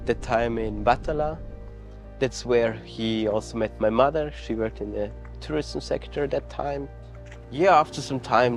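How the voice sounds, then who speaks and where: A man from Austria working as a dive guide, speaking in a relaxed documentary interview and pausing to search for words. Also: medium pitch.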